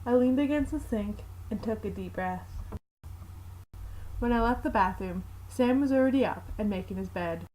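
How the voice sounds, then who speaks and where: A woman narrating a fanfiction aloud in the first person, with a steady, plain reading. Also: medium pitch, normal speed, a little hiss or hum, poor audio.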